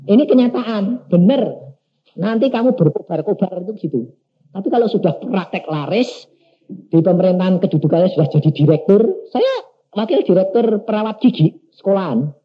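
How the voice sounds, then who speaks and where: An older man from Indonesia, preaching a sermon and telling a personal story, acting out the dialogue with lively energy. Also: high-pitched. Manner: animated, acts out dialogues. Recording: dull lo-fi recording.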